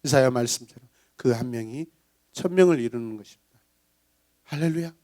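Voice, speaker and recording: A man preaching a Sunday sermon as pastor, animated and dramatic, acting out voices and breaking into song. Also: medium pitch, a little fast. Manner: animated preaching, bursts into sung praise; acts out villagers' gossip in voices.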